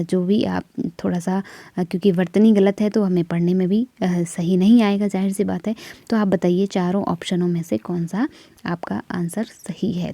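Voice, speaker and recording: A woman's voice: mid-range voice, warm tone, dry recording. A woman teaching spelling for an exam practice set, patiently correcting words step by step. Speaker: Hindi teacher.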